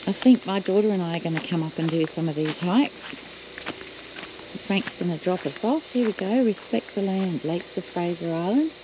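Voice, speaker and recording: A woman's voice: fairly low pitch, moderate pace. Aussie woman chatting away on a road trip vlog, laughs a lot, noisy outdoor recording with car sounds behind. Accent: Australian. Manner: chatty, laughs often, points out sights. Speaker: travel vlogger. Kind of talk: casual chat while touring. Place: outdoors, driving the beach and walking bush tracks. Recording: outdoor video with noticeable background noise.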